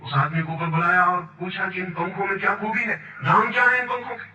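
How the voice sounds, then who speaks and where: A man's voice: high-pitched, level tone, a little fast, bright, forceful tone, muffled recording. A man giving an emphatic, rhetorical spiritual discourse, building his points through repetition. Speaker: spiritual teacher. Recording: echoey, distant, with faint music.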